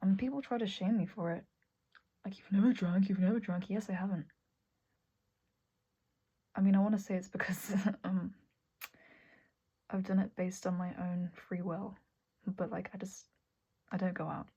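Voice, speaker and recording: A young woman talking candidly to camera at her desk, soft and halting, often dropping to a whisper. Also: medium pitch, fairly even intonation, slightly rough, highs cut off. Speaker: vlogger. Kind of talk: candid personal talk to camera. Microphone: earbud mic.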